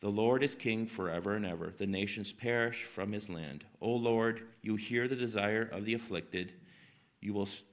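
A man with a lowish voice reads scripture aloud at a pulpit microphone in a church sanctuary. His delivery is measured and emphatic, with weight laid on each line. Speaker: worship leader.

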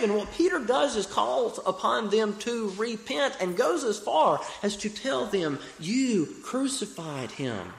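Young man, Alabama Southern accent, slightly high pitch, earnest sermon delivery, folksy phrasing, echoing hall. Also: creaky. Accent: Alabama Southern American. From Alabama, United States. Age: young adult. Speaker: preacher. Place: reverberant room, preaching to a congregation. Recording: echoey hall with long reverb.

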